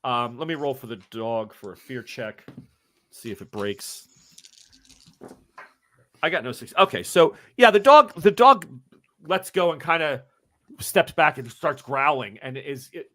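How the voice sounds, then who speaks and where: Bright-voiced male game master. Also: medium pitch, animated, normal speed. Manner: casual, rambling rule calls with fillers. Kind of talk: narrating a tabletop game.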